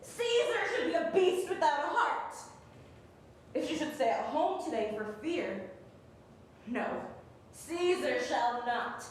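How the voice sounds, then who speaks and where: A woman's voice: high-pitched, lively intonation, slow, pauses often. A young woman playing Caesar in a stage Shakespeare performance, speaking in a proud, declamatory way, recorded from a distance in a very echoey theatre. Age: young adult. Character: Caesar, proud defiant ruler, played as woman. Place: indoor arena theatre stage. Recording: distant mic, very echoey theatre, faint noise.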